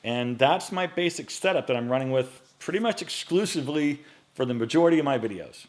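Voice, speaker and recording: Late-forties man, mid-pitched, casual style vlogger answering questions, loose and chatty with plenty of uhs, close mic in a home studio. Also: brisk. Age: 40s. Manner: relaxed, chatty, with many fillers and restarts. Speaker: men's style YouTuber. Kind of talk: casual Q&A vlog. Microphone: microphone in front of him.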